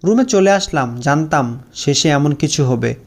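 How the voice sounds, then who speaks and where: A man's voice: fairly high pitch, lively intonation, measured pace. A young man narrating a first-person story, with a sorrowful, heartfelt storytelling manner.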